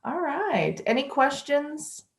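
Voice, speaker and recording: A woman's voice: high-pitched, very animated, gravelly. A woman teaching English in a patient, chatty way during an online lesson. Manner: slow, patient, chatty with light laughs. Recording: echoey room.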